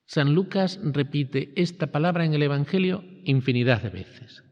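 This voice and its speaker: A man preaching a retreat sermon as a priest, with emphatic phrasing that rises and falls and slows on key words. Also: on the high side. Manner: emphatic, rising and falling preaching cadence with slow stressed phrases. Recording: dull lo-fi sound with long reverb.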